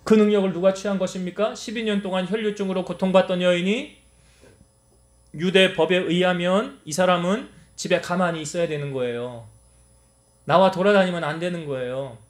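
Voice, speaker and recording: This pastor's voice sits high, and he moves at a moderate pace through his Wednesday sermon in the church sanctuary. He voices the characters in his story himself, and the recording carries the echo of the hall.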